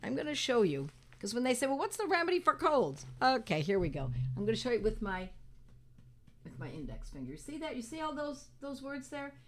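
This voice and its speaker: An older woman who teaches homeopathy hosts her own channel, talking casually to camera despite a cold that leaves her voice raspy and a little hoarse. Pitched slightly above usual with lots of rise and fall, she speaks a little fast, animated and emphatic, repeating lines to drive points home and addressing viewers as friends. There's slight background noise.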